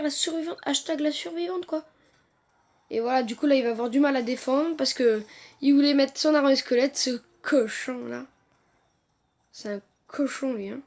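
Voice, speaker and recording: A woman giving casual commentary on her own mobile game, excitable and jumping between muttered asides and loud outbursts of playful trash talk, recorded on a phone mic. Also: sits high. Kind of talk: casual live gameplay commentary. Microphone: phone mic via screen recorder.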